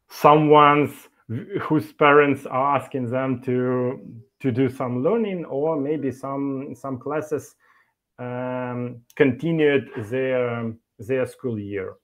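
Slow, halting man on a video call. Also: medium pitch, fairly bright tone. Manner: halting, many fillers and restarts. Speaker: conference speaker from an e-learning developer. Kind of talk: online meetup presentation.

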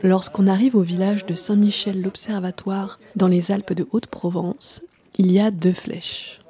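A woman's voice: medium pitch, flat delivery, unhurried, dark tone. A woman podcast narrator reading scripted narration. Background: music under the voice.

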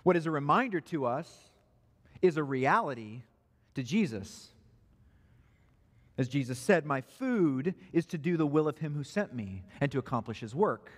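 A man's voice: on the high side, sing-song, normal speed, long reverb tail. A man preaching an expository sermon who grows emphatic when he quotes scripture. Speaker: pastor. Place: church sanctuary.

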